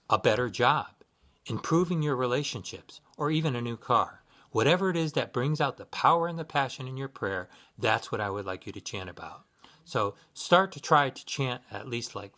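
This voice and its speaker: A man giving sincere, measured spiritual guidance in a scripted instructional talk, with occasional fillers. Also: mid-range voice, fairly bright tone. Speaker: Buddhist practitioner giving guidance.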